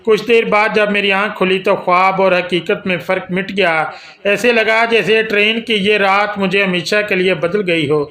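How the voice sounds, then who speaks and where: A man telling a romantic audio novel in the first person, in steady, scripted storytelling. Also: sits high. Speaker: narrator.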